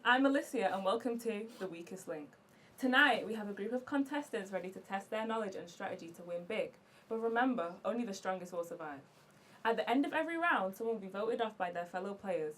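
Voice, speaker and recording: A woman's voice: medium pitch, a little hiss or hum. Woman hosting a quiz, heard from afar. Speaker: quiz show host. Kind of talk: scripted game show hosting. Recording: distant mic with faint music behind.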